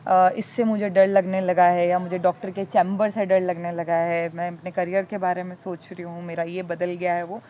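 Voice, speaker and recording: A woman's voice: lowish voice, level tone, normal speed, few pauses. Earnest woman on a lo-fi podcast. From India. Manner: earnest, personal, mixes English words. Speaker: podcast co-host. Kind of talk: conversational podcast talk. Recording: dull lo-fi audio with faint traffic noise.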